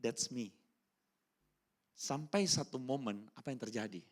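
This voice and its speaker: In a church hall during a service, a youth pastor with a medium-pitched voice preaches a casual sermon at a measured pace. He's animated, slangy and informal, breaks into English phrases, and keeps firing rhetorical questions at the congregation.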